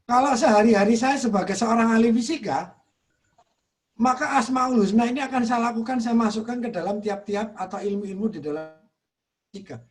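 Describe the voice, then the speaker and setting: An Indonesian man teaching in a religious study talk, earnest, softly repeating phrases for emphasis. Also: very high voice, a little fast. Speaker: Islamic teacher.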